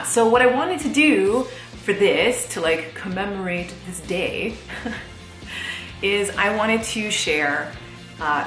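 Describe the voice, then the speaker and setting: A woman's voice: lowish voice, a bit bright, echoey room. A thirty-year-old woman vlogging in a chatty, casual way, laughing often and using lots of fillers. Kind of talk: casual chat to camera.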